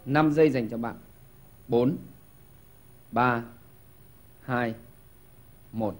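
A man hosting a TV quiz show in a studio, giving lively hints and often stumbling over repeated words. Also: mid-range voice, drawn-out words, soft background music. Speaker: game show host.

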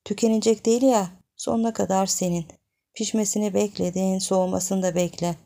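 A woman voicing a frightened young village wife who pleads in a hushed, frantic way. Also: medium pitch, fairly even intonation, fairly quick, gravelly, close to an everyday voice. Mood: pleading.

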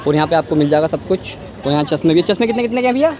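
Holding his phone at arm's length, a man in his twenties vlogs his way through a crowded outdoor street market, with a loud crowd behind him. He addresses viewers as guys and brother, chats away, and asks about prices before repeating them. His voice is a little high, animated and racing.

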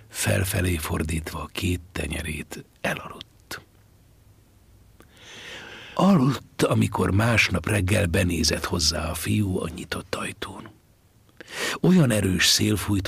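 A man narrating a literary audiobook slowly, in a breathy, half-whispered manner, close to the mic. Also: low-pitched, a bit bright, dry recording.

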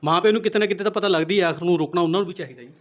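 A man's voice: sits high, rapid-fire. A man with a Punjabi accent interviewing, asking probing questions between brief murmured acknowledgements. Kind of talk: media interview. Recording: dull lo-fi recording.

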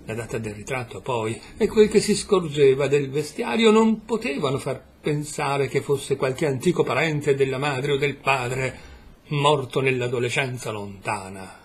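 A man narrating a literary short story in a measured, expressive way. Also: mid-range voice, slightly rough. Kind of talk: literary audiobook reading.

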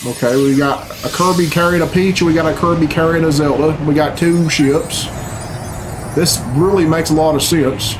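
With fairly even intonation and normal speed, a man whose voice sits on the high side hosts a reaction video, though the audio quality is poor. In his thirties, he grumbles, sounds puzzled, and swears freely in off-the-cuff commentary from a small furnished room at home, over game cutscene music and sound.

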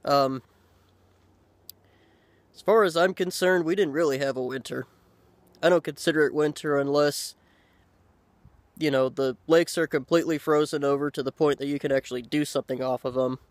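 A man in his thirties chatting casually to the camera outdoors, unhurried and halting, with pauses. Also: a little high, steady tone, dry recording. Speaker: pipe-smoking video blogger. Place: outdoors by a lake in woods. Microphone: handheld camera at arm's length.

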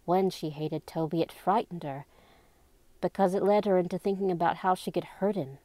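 Low-voiced woman reading a novel aloud. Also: steady tone, warm tone, no echo. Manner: raises pitch and slows down for dialogue. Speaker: amateur audiobook reader.

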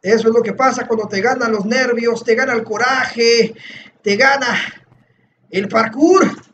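A man giving excitable gameplay commentary, hyping himself up in a mock-heroic way and often exclaiming. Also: very high voice, measured pace, muffled recording, slight background noise. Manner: excitable, dramatic self-hype, mock-heroic third-person boasting; frequent exclaiming and shouting. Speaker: gamer playing a parkour map.

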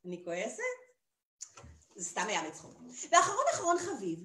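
A woman's voice: mid-range voice, very animated. A woman performing for children, singing and talking playfully and coaxing the kids to join in. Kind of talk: sung and spoken children's show. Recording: echoey room with soft guitar. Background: guitar.

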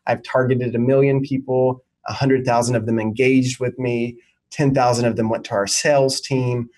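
A man's voice: mid-range voice, level tone, moderate pace, darkish tone, poor audio. Thirties male exec, confident explainer, video-call sound. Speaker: marketing executive guest. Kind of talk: business interview answers. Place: home office, indoors.

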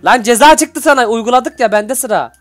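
A man's voice: very high-pitched, brisk, very noisy. A young man hosting a casual Minecraft gameplay video, teasing and bossing his playmate, laughing often and turning to talk to his viewers. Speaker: gaming channel host.

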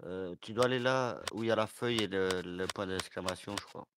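A man playing a farming game with friends, calmly explaining the steps. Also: sits low, fairly quick, noisy background. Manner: calm, explains steps patiently. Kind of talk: casual gaming chat.

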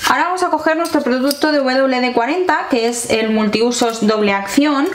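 A woman's voice: high-pitched, moderate pace, faint music behind. A woman in her thirties from Spain with a Peninsular Spanish accent, presenting a home how-to tutorial in a kitchen and explaining each step to viewers. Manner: friendly, explanatory, addresses viewers directly. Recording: echoey tiled kitchen.

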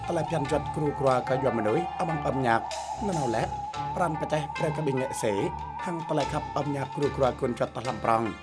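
A man giving scripted narration for a television feature, reading in a steady, even way. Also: mid-range voice, a little fast, loud music behind the voice. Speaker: news narrator.

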